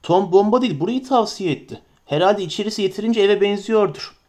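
A man's voice: high-pitched, a little fast, a little mellow, pitched above the performer's own voice, lightly acted. Frodo, a man voicing a polite young hobbit. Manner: polite, tentative questions.

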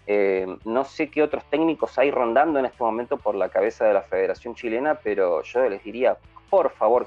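A man giving relaxed, opinionated views on football in a casual chat. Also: medium pitch. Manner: relaxed opinionated talk with fillers. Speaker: panelist. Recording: dull lo-fi sound, faint music.

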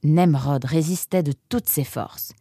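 A woman narrating an audiobook in an expressive storytelling manner. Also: low voice, measured pace, husky, no echo, studio quality.

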